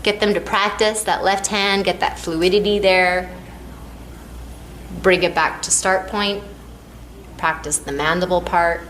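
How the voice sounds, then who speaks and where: Counting out the strokes, this instructor teaches massage technique with upbeat encouragement for her class. She speaks in a lowish, steady, slightly bright voice, a little slowly and with frequent pauses, while an echoey room adds faint background noise plus a little hiss or hum.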